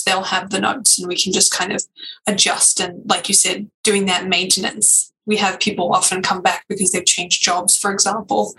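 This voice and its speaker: Brief: podcast guest, female, reassuring explainer, bright tone with gravelly fry. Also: medium pitch, rough recording. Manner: reassuring, explains at length with many "you know"s. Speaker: ADHD coaching service representative, podcast guest. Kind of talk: casual interview chat.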